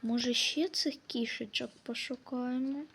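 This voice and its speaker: A woman's voice: fairly high pitch, steady tone, creaky, a bit bright, slight background noise. A woman giving casual let's-play commentary, scolding and swearing at the game characters as she plays. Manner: slow, drawn-out delivery. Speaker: gameplay commentator.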